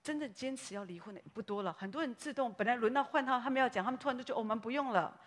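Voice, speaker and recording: Husky-voiced woman pastor preaching. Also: fairly high pitch, very fast, in a large hall. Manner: animated, conversational preaching with frequent "哈" tags. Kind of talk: sermon.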